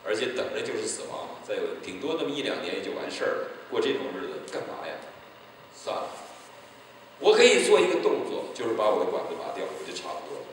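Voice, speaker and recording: A male pastor from mainland China, telling a story in an evangelistic sermon, acting out dialogue and breaking into loud exclamations. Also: on the low side, very animated, quick pace, a little hiss or hum. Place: large church hall. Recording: echoey hall, voice picked up from a distance.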